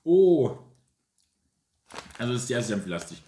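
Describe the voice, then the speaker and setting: A man's voice: mid-range voice, animated, a little fast, darkish tone. A man, chatting casually as co-host of a tasting video. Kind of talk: casual chat. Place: domestic room indoors. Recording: roomy echo, clear background noise.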